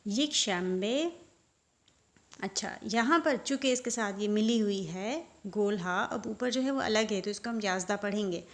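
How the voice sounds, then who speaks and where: A woman's voice: mid-range voice, measured pace. A woman teaching vocabulary, saying each word and then explaining it. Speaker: language teacher. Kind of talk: slow vocabulary lesson.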